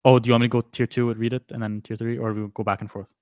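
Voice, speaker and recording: A man co-hosts a casual sports podcast in a medium-pitched voice. He reads lists and rules in a flat, measured way. The sound is close and dry, with no room around it. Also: no room sound. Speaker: podcast co-host.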